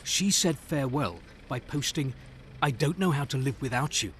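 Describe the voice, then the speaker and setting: A man narrating a scripted news report as a correspondent, solemn and measured, in short phrases. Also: medium pitch, expressive, a bit bright, slight background noise.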